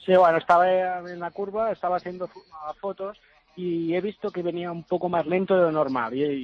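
A man gives an eyewitness account over a dull, muffled phone line, his voice pitched a little high. He talks haltingly, stopping and restarting words as he retells what he saw. The sound is dry and close. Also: steady tone, no echo. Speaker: photographer interviewed by phone.

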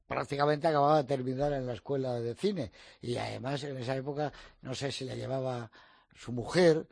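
A man, a journalist, telling lively anecdotes in casual radio chat. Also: medium pitch, a little fast, creaky, dry recording, clean studio sound.

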